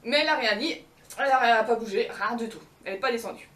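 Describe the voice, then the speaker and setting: A woman's voice: a little high, quick pace, a bit bright, reverberant, distant mic. A young woman casually retelling a fairy tale with slangy, ironic asides and many fillers. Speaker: storyteller.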